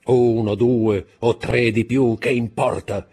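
A haunted royal prosecutor, voiced by a man reading aloud, driven to frantic outbursts. His voice is deep and husky. Faint music runs underneath. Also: a little slow, full character voice. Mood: tormented. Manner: shouting, desperate outbursts.

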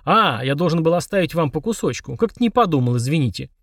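A man voicing a greedy, blunt male demon who talks in a flat, unbothered, snide way. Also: on the high side, quick pace, dry recording, clean studio sound, far from the mic. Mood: indifferent.

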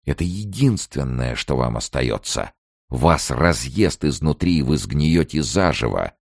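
A man voicing a bitter young refugee medic who speaks in a slow, hissing, deliberate way. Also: very deep voice, sing-song, gravelly, no room sound, clean studio sound, exaggerated voice. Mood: menacing.

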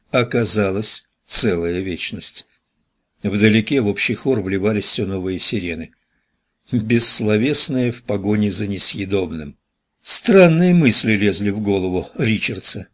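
Low husky male audiobook narrator. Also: a bit bright. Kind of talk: scripted narration.

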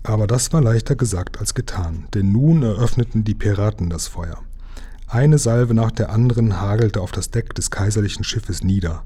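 A man's voice: fairly low pitch, moderate pace, mellow, breathy edge. A man reading a children's adventure book aloud with dramatic narration. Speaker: storyteller.

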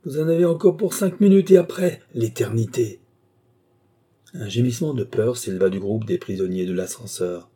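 Brief: male audiobook narrator, measured delivery, very dark and husky. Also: low-pitched. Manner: calm, measured storytelling.

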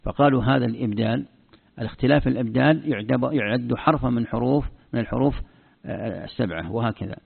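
A man teaching a lesson on Quran readings, his voice deeply gravelly and husky. He explains in a plain teaching tone and slows right down whenever he recites a verse. The sound is thin and tinny, like an old phone-line recording. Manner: slow deliberate recitation of verses between explanations.

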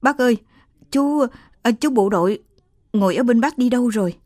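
A woman's voice: mid-range voice, expressive, normal speed, warm tone, no echo, studio quality, close to an everyday voice. A woman voicing a frightened young mother of three who speaks in an anxious, pleading way.

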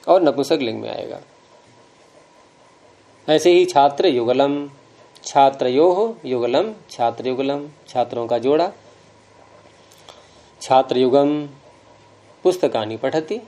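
A man's voice: mid-range voice, mellow. A man with a Hindi accent teaching Sanskrit grammar to a class, patiently explaining and repeating word forms aloud.

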